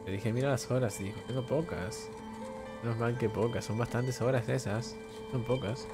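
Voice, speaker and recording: Speaking at a moderate pace in a medium-pitched voice, this young gaming streamer from Venezuela greets his viewers warmly from home. He's chatty at his desk microphone, reading chat aloud and answering questions while faint game music plays.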